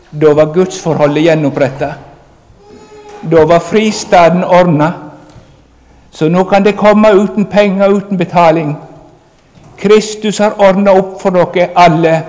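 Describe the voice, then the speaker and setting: A man delivers an earnest, emphatic sermon and speaks straight to his listeners. His voice sits a little high for a man. It carries a long hall reverb. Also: a little mellow. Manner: earnest, emphatic preaching, addressing the congregation directly. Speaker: preacher.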